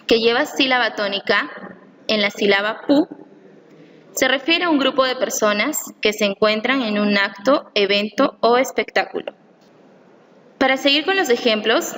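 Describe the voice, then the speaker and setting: A woman reading a scripted lesson aloud, slowly and carefully, stressing each syllable she explains. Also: on the high side, fairly bright tone. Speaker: teacher. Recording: long reverb, faint room noise.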